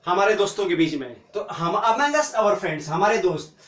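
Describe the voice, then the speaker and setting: High-voiced man teaching grammar in an echoey room. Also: animated, unhurried, a bit bright. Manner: asks rhetorical questions and answers them himself; mixes Hindi with English example phrases. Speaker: English teacher. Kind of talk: classroom grammar lesson.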